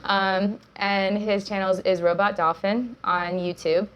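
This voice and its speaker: A woman's voice: mid-range voice, steady tone, measured pace, clear, resonant tone, highs cut off. A young woman, a jiu-jitsu coach, talking as a guest in a casual chat, upbeat and full of fillers and laughs.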